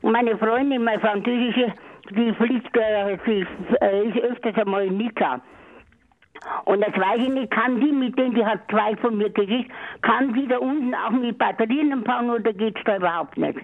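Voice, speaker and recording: Older woman, radio show caller on phone. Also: a little high. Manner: halting, restarts and repeats her words. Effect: caller heard over a phone line on the radio. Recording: tinny phone line.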